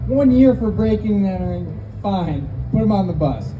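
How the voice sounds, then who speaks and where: A woman's voice: medium pitch, lively intonation, moderate pace, warm tone. A woman telling stories as a first-time stand-up comedian at an open mic, in a conversational, profane way. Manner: profane, conversational, acts out quoted dialogue. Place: live open mic venue. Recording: noisy live recording, background ambience.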